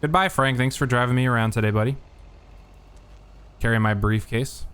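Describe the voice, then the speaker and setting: A man giving relaxed, think-aloud commentary while streaming a game. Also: medium pitch, normal speed, smooth. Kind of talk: casual gameplay commentary.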